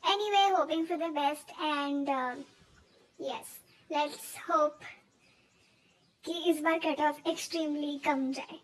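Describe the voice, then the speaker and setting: A woman's voice: sits high, fairly even intonation, extremely slow, pauses often. A young woman from India talking casually to the camera, chatty and self-mocking, switching between two languages. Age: young adult. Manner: chatty, mixes English into her talk, self-mocking. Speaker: vlogger. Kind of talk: casual chat.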